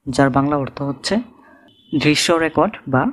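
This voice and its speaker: A man's voice: a little high, fairly even intonation, moderate pace. A man with a Bangladeshi Bengali accent teaching English reading, spelling out words letter by letter and giving their meanings. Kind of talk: slow instructional lesson.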